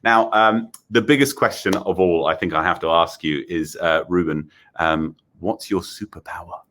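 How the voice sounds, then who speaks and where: An Australian-accented man hosts a children's show in character as a space captain, interviewing in a casual, effusive and enthusiastic way. His voice sits low, with a moderate pace and a fairly bright tone.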